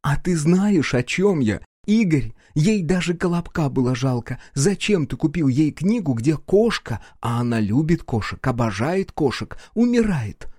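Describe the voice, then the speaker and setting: A man's voice: a little high, big pitch swings, unhurried, few pauses, warm tone, breathy edge, dry recording, clean studio sound, pitched above the performer's own voice, exaggerated voice. Man voicing a furious sarcastic mother. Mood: exasperated. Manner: sarcastic, indignant, raised voice. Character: exasperated divorced woman, sharp-tongued mother. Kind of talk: audiobook character voice.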